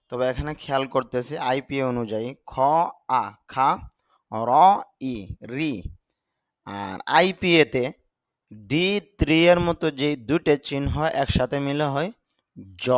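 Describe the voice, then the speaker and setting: A man's voice: mid-range voice, fairly bright tone, dry recording. A man, a Bengali speaker, teaching English vocabulary in a patient step-by-step lesson and spelling words out sound by sound.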